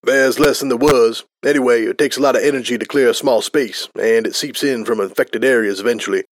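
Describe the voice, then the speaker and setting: A man's voice: medium pitch, fairly quick, dry recording, close to an everyday voice. Guy playing an offhand rambly pony captain, dry close sound. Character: chatty male pony soldier captain, offhand.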